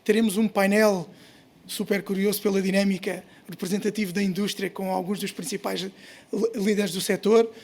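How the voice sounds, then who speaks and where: Man, European Portuguese accent, notably high voice, creaky texture, halting welcome speech, event host. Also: level tone, darkish tone. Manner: hesitant, repeating words as he goes. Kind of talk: semi-spontaneous welcome speech. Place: office event space.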